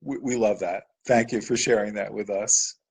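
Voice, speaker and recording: A man's voice: fairly low pitch, steady tone, normal speed, a little mellow, slightly rough, poor audio. A man presenting a live webinar lesson over slides, explaining patiently with occasional "uh"s.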